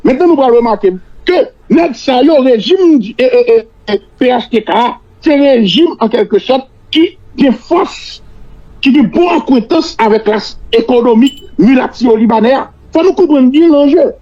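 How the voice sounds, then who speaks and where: High-pitched Haitian man, Creole-mixed French. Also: animated, mellow. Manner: mixes French with Creole, repeating words haltingly. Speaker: political commentator. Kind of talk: political analysis on a talk show. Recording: dull lo-fi radio-like audio.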